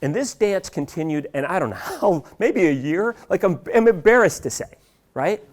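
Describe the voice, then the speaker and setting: A middle-aged man giving a live seminar talk, telling a story in an animated way and acting out what his colleagues said. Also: high-pitched, normal speed. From United States. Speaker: seminar speaker.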